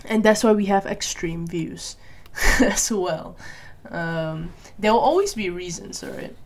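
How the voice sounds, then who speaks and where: A Malaysian woman vlogger talks through her opinions in a casual solo monologue, thinking out loud and asking herself questions. She keeps checking in with "right?" and "you know?", her voice on the low side and her pace slow.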